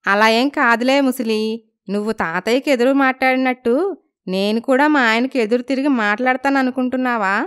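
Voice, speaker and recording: Woman, cheeky, teasing, high smooth voice. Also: brisk. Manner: cheeky, sharp-tongued, playful. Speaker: voices young heroine.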